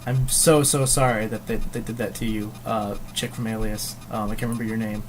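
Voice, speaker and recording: A man's voice: fairly low pitch, level tone, a little fast, slight background noise. A man reviewing a video game in casual chat, rambling with many hesitations and casual swearing.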